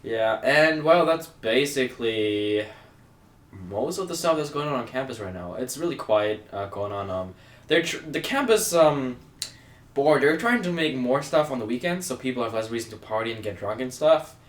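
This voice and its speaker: A man's voice: medium pitch, animated, normal speed. Laid-back young man in an echoey room. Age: young adult. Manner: rambling, laid-back, lots of fillers. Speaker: podcast co-host. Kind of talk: casual gaming podcast chat.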